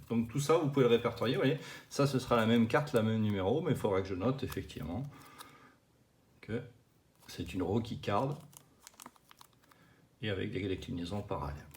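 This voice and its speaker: Low-voiced man explaining his cards. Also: gravelly, a little hiss or hum. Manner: chatty, many fillers and restarts. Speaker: card collecting channel host. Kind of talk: casual explainer showing cards to camera.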